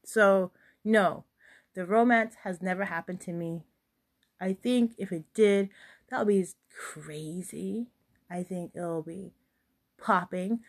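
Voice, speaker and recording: A young adult woman, a chef, talking casually and chattily about kitchen life, lively when she quotes others. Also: lowish voice, takes it slowly. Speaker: podcast host and chef. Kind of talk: casual storytelling monologue.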